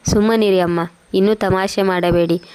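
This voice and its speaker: Storybook read-through: a harsh, scolding grown son, read by a woman narrator in a flat, even tone. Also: mid-range voice, moderate pace, clear, resonant tone, no echo, natural voice.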